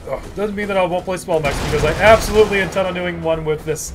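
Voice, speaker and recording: A man giving excitable, swearing commentary while playing a video game, game music behind him. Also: high voice, quick pace. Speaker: gaming video creator.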